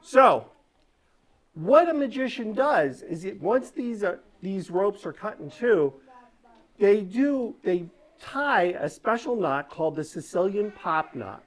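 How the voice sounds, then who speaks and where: Expressive and slow, a woman's mid-range voice carries her live magic patter for children. She's a stage magician giving step-by-step directions and encouraging the audience with frequent check-ins.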